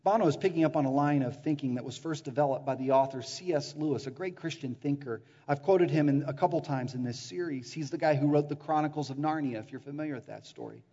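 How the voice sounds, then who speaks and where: A man preaching a sermon as a pastor, animated, acting out the voices of the people he quotes. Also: fairly high pitch, fast talker, few pauses. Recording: dull sound with long hall reverb.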